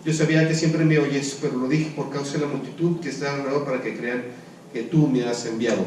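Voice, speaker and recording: A man's voice: mid-range voice, fairly even intonation, a little fast, a little mellow, slight background noise. Man preaching in an echoey church. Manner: conversational preaching, rhetorical questions and answers. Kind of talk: sermon. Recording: echoey church hall, mic at a distance.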